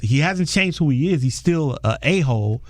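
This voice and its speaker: Male director guest, lively storyteller who does the voices, in a dry close-miked room. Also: on the high side, normal speed, dry recording. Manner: animated storyteller, acts out quoted voices. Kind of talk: casual interview talk.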